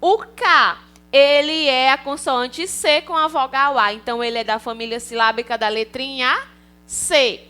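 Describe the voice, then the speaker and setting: A woman's voice: high-pitched, a little slow, sharp tone. A Brazilian woman teaching a recorded online class to young children, cheerful and coaxing, often checking in with the kids. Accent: Brazilian Portuguese. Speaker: primary school teacher.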